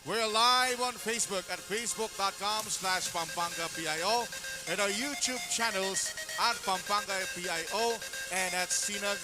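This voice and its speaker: A man with a Filipino accent announcing sports line-ups in an arena, drawing out names with emphatic hype. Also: high voice. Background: loud music.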